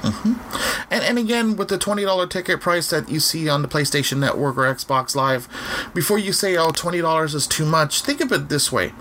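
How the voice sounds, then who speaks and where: A man's voice: fairly high pitch, expressive, normal speed, sharp tone, a little hiss or hum. A man co-hosting a game review podcast in casual chat, rambling along with many fillers and repeated "again". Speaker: podcast co-host.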